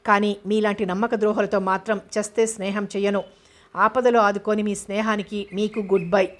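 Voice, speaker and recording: A woman voicing a proud, wronged young woman who speaks indignantly and forcefully, in an audiobook. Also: medium pitch, flat delivery, fairly quick, lightly acted. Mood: defiant. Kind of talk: audiobook character voice.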